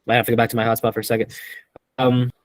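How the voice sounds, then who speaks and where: A man's voice: medium pitch, monotone, very fast, dry recording. A man hosting a casual sports chat over an online call whose audio keeps cutting in and out; he rambles and trails off with fillers. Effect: choppy call audio cutting in and out. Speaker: sports podcast host.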